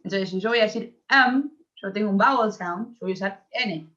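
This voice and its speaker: A woman's voice: mid-range voice, normal speed, sharp tone. A young woman with an Argentine accent teaching an English grammar class, explaining patiently and checking that her students follow. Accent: Argentine Spanish. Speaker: English tutor. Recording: dull lo-fi audio.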